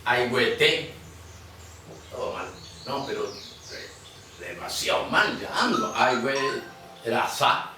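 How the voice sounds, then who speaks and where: A man with a mid-range voice, lively intonation and a sharp tone teaches a classroom lecture as a Guaraní teacher in a museum classroom, with a little hiss or hum audible. The room sounds echoey and far, and he explains things, quizzes his students and repeats words slowly.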